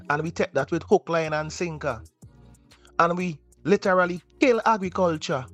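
A man's voice: a little high, fairly bright tone. A man from Saint Vincent with a Vincentian accent, calling a radio show to give impassioned, rhetorical commentary in dialect. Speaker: call-in radio caller.

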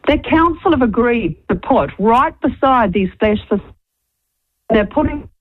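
A woman's voice: on the high side, expressive, measured pace. A New Zealand woman calling in to a talk radio show, indignant and urgent, her phone line cutting in and out. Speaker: talkback radio caller. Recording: tinny, dropping phone line.

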